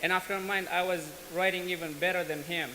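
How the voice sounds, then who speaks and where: A man's voice: sits high, steady tone, bright, forceful tone. A man, earnestly telling his life story as a guest speaker at a church. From Afghanistan. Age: 20s. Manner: earnest, plain-spoken, unhurried, with small restarts. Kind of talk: personal testimony. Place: large church hall. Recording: echoey church hall, faint hiss.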